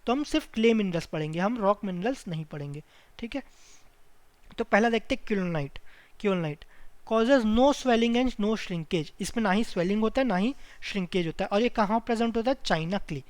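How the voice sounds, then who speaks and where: A man tutoring for an exam, who asks himself quick questions, answers them and repeats key terms, with English phrases mixed in. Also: high voice, no room sound. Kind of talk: explanatory lecture over slides.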